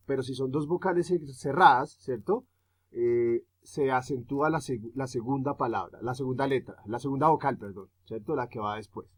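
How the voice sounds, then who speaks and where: A man teaching a grammar lesson. He explains step by step, checks in with his students after nearly every point and stretches out the example words slowly. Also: medium pitch. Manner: explains step by step, often checks with "¿cierto?" and "¿listo?".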